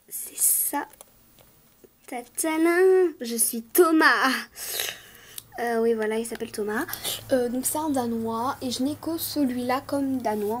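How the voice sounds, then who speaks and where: Female vlogger, high voice; eager, repetitive, lots of pauses and fillers. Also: a little mellow, a little hiss or hum. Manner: gushing, repeats words, many hesitations. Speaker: toy collector vlogger. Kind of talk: casual vlog talk to viewers.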